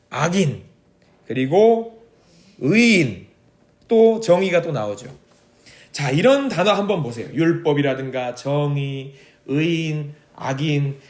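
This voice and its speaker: A male pastor gives a teaching sermon at a prayer meeting. His voice sits high and swings widely in pitch as he questions the listeners and acts out lines of prayer. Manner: animated teaching, acts out pleading dialogue with God; asks the congregation questions, gives note-taking instructions.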